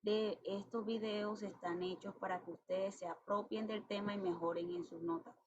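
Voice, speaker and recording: Woman teacher explaining grammar slowly. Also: mid-range voice, steady tone, darkish tone. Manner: patient, step-by-step explaining, reads English examples slowly. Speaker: English teacher. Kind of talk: classroom lesson explaining grammar. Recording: dull lo-fi sound with faint noise.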